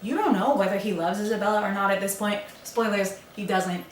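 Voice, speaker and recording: A woman's voice: medium pitch, steady tone, brisk, slight background noise. A young woman giving an irreverent, profane comedic book summary in a sarcastic tone. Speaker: YouTuber. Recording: roomy, from a distance.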